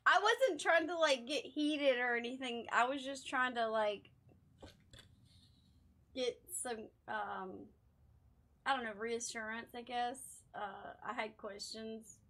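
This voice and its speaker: Bubbly, high-voiced young woman streamer. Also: slow, pushed and bright. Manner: chatty, giggly, talking back to chat. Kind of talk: casual chat while gaming.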